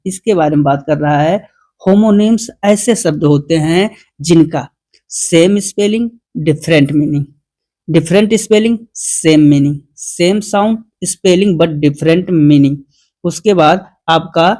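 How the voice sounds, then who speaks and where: Speaking at medium pitch with a warm tone, a teacher conducts an online lesson for exam preparation. Each quiz question is read out slowly and then explained, often through questions the teacher asks the class and answers personally.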